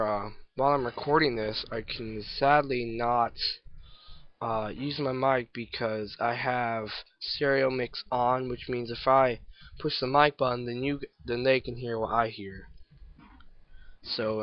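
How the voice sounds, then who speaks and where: A man's voice: mid-range voice, steady tone, unhurried, dry recording, muffled recording. A man casually commenting over his own gameplay, rambling and self-deprecating, with hiccups and yawns. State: hiccups and yawning. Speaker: gameplay video maker.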